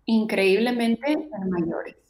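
A woman's voice: medium pitch, slow, echoey room, a crowd in the background, poor audio. A woman, a guest in an interview, speaking expressively and acting out examples. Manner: warm, expressive, acts out examples with lively voices. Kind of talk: conversational interview.

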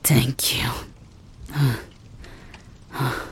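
A woman's voice: rumbling low, little pitch movement, extremely slow, slight background noise, exaggerated voice. A woman voicing a proud young warrior leader who lies wounded and paralyzed, talking in a weary, half-whispered, drowsy way in an ASMR roleplay. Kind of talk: ASMR roleplay audio drama.

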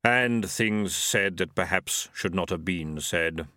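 A man voicing Death, a grave skeletal figure who speaks slowly and deliberately. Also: sharp tone, dry recording, clean studio sound, full character voice. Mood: wry. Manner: deep, slow, measured. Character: Death, a grave, slow-spoken male skeleton.

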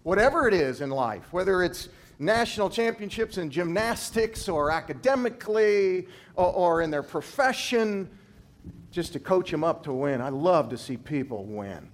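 Here a fairly high-voiced man who used to coach gymnastics speaks at normal speed with lively intonation. He tells his story emphatically, swinging broadly in pitch and loudness, then lowers and softens his voice to drive key points home.

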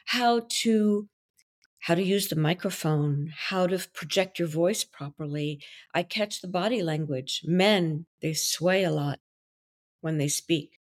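A Belgian woman whose first language is French, with a fairly low voice, works as a wedding coach and officiant. In a podcast interview she explains her job confidently, with expressive, theatrical delivery.

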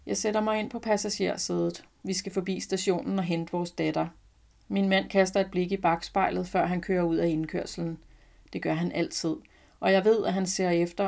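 Calm low-voiced woman reading her story. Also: vocal fry. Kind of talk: scripted first-person narration.

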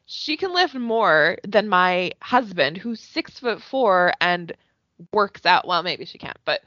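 A woman's voice: on the low side, lively intonation, slow, a bit bright, dry recording, muffled recording. A woman co-hosting a podcast in casual chat, outspoken and exasperated, swearing freely. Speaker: podcast co-host.

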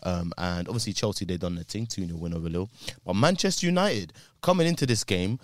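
A man hosting a casual football podcast, lively and slangy, quick to laugh. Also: deep voice. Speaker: podcast host.

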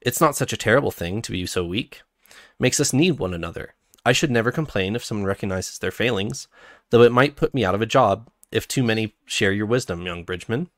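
A man's voice: fairly low pitch, expressive, fairly quick, dry recording. A man reading aloud as a wry, blunt but kind male jester from a novel, in a dry, matter-of-fact way. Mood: wry, frank.

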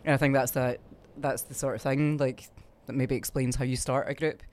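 A man's voice: medium pitch, little pitch movement, normal speed, slight background noise. A man, talking casually as a community organiser, rambling with lots of fillers. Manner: rambling, many fillers and restarts. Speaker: strike solidarity group organiser. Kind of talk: casual interview talk.

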